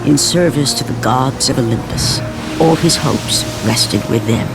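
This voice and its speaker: A woman's voice: extremely low pitch, unhurried. A woman narrating a video game's Greek myth as a grave storyteller, in solemn, dramatic scripted style. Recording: loud music under the narration. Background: loud game score.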